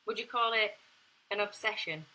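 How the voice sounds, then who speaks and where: A woman's voice: medium pitch, normal speed, pushed and bright, low-quality recording. A middle-aged woman chatting casually on a livestream, a parent who teases the child with dry asides. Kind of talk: casual chat.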